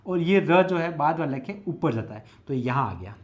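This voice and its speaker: A man's voice: on the high side, animated, normal speed, lo-fi sound. A male Hindi lecturer teaching an exam-prep lesson, explaining each step methodically and repeating it while he writes.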